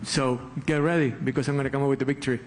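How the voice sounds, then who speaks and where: A man's voice: mid-range voice, fairly even intonation, rapid-fire, a little hiss or hum. A man interpreting live at a press conference.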